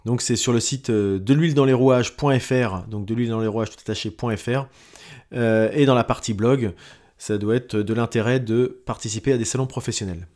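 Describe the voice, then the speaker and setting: Recording his weekly audio diary, a male podcast host hesitates often and keeps starting over. His medium-pitched voice is a little mellow, and fillers crop up throughout.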